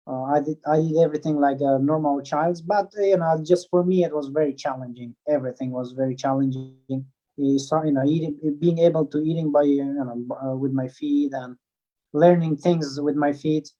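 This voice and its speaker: A man's voice: a little high, warm tone. Hesitant Afghan man, dull lo-fi sound. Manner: halting, many fillers and restarts, non-native phrasing. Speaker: interviewee, swimmer. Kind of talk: interview answers.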